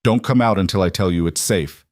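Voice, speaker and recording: A man's voice: sits low, brisk, a little mellow, no room sound, clean studio sound, close to an everyday voice. A man voicing a protective male crime boss who speaks hard and commanding.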